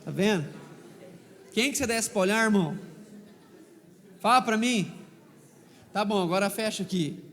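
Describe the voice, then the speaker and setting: A man preaching as pastor, humorous and animated, telling stories and questioning the congregation, with a São Paulo accent. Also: high-pitched, moderate pace, long pauses, big-room sound. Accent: São Paulo Brazilian Portuguese. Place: church hall.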